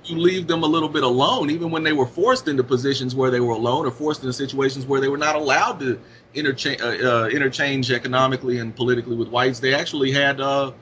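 A man's voice: steady tone, fast, fairly bright tone. Male podcast co-host; rambling, filler-heavy delivery; lo-fi muffled sound. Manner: rambling, many fillers, drops into low mutters. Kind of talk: casual podcast discussion. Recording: dull lo-fi audio with faint hiss.

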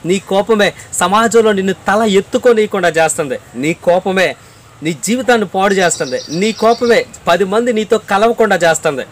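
Earnest preacher man, high voice. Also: normal speed. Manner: earnest, repeats phrases for emphasis, addresses listener directly.

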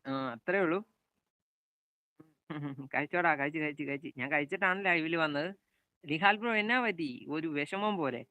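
Chatty Malayali gaming streamer. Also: male voice, fairly high pitch, unhurried, pauses often, bright, forceful tone, dry recording. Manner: chatty, calls out passes and greets viewers by name. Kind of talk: live game commentary and chat with viewers.

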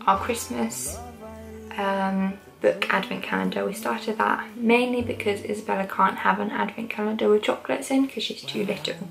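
A woman's voice: medium pitch, steady tone, normal speed, gravelly. A British woman in her twenties chatting casually to the camera in a small room at home. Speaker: vlogger. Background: background music.

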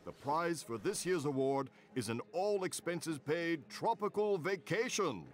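A formal award announcer. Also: male voice, fairly high pitch, lively intonation, unhurried. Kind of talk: video game voice acting.

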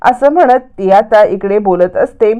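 Mellow-voiced woman recapping a serial. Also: medium pitch, unhurried. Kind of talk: dramatic story narration.

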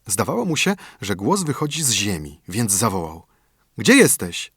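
A man narrates a fairy tale in expressive storytelling, and his pitch rises and falls in lively arcs. The recording is close and dry, with no room sound. It is a studio audiobook reading. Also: normal speed, slightly rough, no echo.

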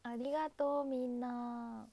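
A woman's voice: on the high side, fairly even intonation, slow pace, creaky, dark tone. A young woman chatting casually on a livestream, thanking viewers by name and saying goodnight. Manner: chatty, reads viewer names and thanks them, waves goodbye. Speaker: idol livestreamer.

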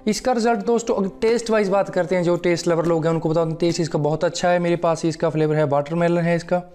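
His voice is on the high side and a little mellow. This young fitness vlogger sits on the sofa in his living room with a lapel mic, reviewing a supplement to camera in a friendly tone and frequently calling out to viewers as friends.

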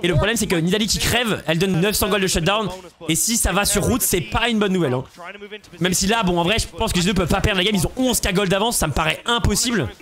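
A man co-casting an esports match on his stream, animated, swearing and shouting at plays while talking to his chat. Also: high-pitched, fast. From Portugal. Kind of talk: excitable casual commentary. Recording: crowd noise from match stream behind.

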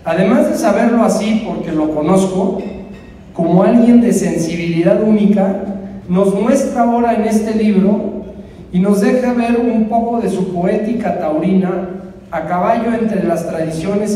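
A man's voice: high voice, dark tone. A man at a book launch reading a lyrical, solemn tribute speech into a table microphone. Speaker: presenter of the book. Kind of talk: read poetic tribute speech. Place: book launch hall, indoors. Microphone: table microphone at the panel. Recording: distant, echoey hall with noise.

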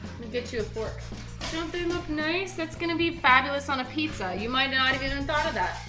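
A young woman hosting a home cooking show, talking casually and brightly straight to the viewer while she works in her kitchen. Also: high-pitched, animated, a little fast. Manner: chatty, upbeat, talks straight to the viewer. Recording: roomy kitchen with music behind.

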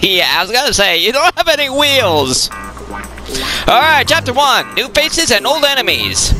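A man giving casual let's-play commentary in a high, animated voice. His reactions are wry and jokey, with game music clearly audible behind him. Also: measured pace, rough recording. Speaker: gaming video host. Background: video game music.

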